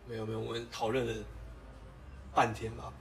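A podcast co-host with a Taiwanese Mandarin accent, casually teasing the other speaker in quick banter. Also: mid-range voice, monotone, distant mic. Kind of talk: casual chat.

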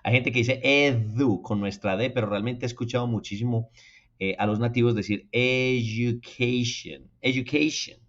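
Latin American male teacher, drills each word slowly, then talks fast to the viewers, slightly dull lo-fi sound. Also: mid-range voice, fairly even intonation. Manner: addresses viewers directly, encouraging them to repeat. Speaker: English teacher. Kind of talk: spoken language lesson.

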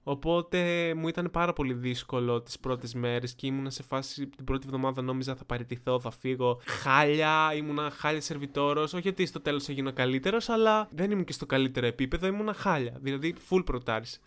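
Chatty young man with a smooth voice. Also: hardly any pauses. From Greece. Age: young adult. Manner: chatty and animated, jumping pitch when acting out quotes. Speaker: vlogger. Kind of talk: casual storytelling monologue.

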